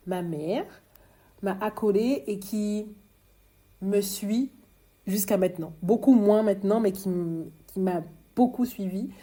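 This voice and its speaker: Tired Martinican woman podcaster, mellow voice. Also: medium pitch, husky. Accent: Martinican French. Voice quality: fast, stumbling speech with dropped R sounds. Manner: frequent restarts and fillers, confiding tone. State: exhausted. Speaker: podcast host. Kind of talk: personal storytelling podcast.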